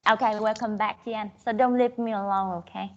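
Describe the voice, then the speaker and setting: A woman's voice: mid-range voice, fairly even intonation, moderate pace, highs cut off. A woman with a Southern Vietnamese accent teaching an English class online, switching between English and Vietnamese with frequent "okay"s.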